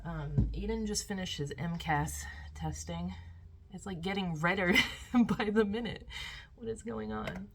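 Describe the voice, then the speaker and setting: A middle-aged woman with a mid-range, gravelly voice vlogs casually at home into a phone camera, rambling through her day with filler words. She sounds out of breath and keeps a measured pace, with slight background noise indoors.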